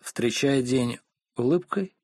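Bullying middle-aged husband, read by a man: booming, slow, domineering, a husky storybook voice. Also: sing-song, a bit bright, no room sound, clean studio sound, heavily acted. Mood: sheepish. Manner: barking, slow heavy commands.

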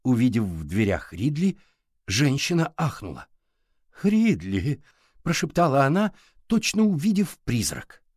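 A man narrating an audiobook with expressive storytelling. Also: medium pitch, normal speed, breathy edge, no room sound, studio quality.

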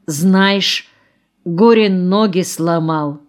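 Woman voicing a blunt weary geologist man, dry wry talk, slow and lowish, audiobook dialogue. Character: male geologist, party chief, blunt and tired.

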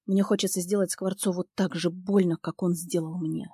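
A woman's voice: fairly low pitch, fairly even intonation, normal speed, warm tone, slightly rough, no room sound, studio quality. A woman reading a first-person novel aloud in a tense, intense manner. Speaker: audiobook narrator.

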